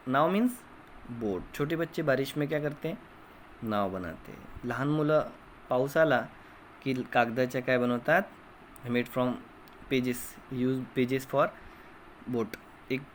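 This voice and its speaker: Guy teaching kids, chants poem lines, slow, faint noise behind. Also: medium pitch. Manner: explains line by line in three languages. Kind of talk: online class lesson.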